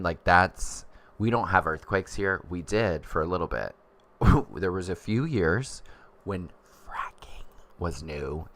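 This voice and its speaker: Reading through viewer comments on his livestream, this thirtysomething man chats and rambles with plenty of fillers. He sounds low-pitched and creaky, yet a bit bright.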